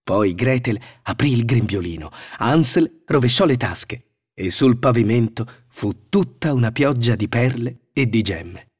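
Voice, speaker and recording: A man narrating a fairy tale in a scripted, expressive storytelling manner. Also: medium pitch, measured pace, breathy edge.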